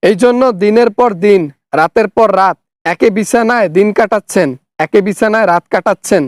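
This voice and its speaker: A parody channel host with a Bangladeshi accent fronts a satirical cartoon skit, playing the accuser and speaking in a scolding, sarcastic way. His high-pitched voice is brisk and clean, recorded dry at studio quality.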